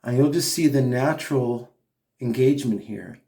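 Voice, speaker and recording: This singing lesson comes from a man with a warm, mid-range voice at a normal pace, recorded in an echoey room. As a vocal coach, he gives patient, step-by-step instruction punctuated by short sung and hummed demonstrations.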